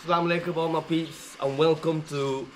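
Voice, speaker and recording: A vlogger gives a joking, rambling, loosely guided tour of his family's old village house in casual chat. His slightly high voice is flat and fast, and the rough, reverberant recording picks up crowd noise.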